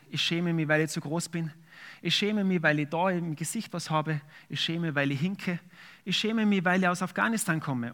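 Man as a pastor, bright, higher voice, relaxed sermon with fillers and scripture reading. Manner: conversational preaching with fillers, reads scripture aloud.

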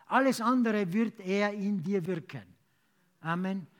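A man preaching and praying as in a sermon, urging emphatically with repeated phrases and halting at times to search for words. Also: high voice, expressive. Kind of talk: sermon with altar call and prayer.

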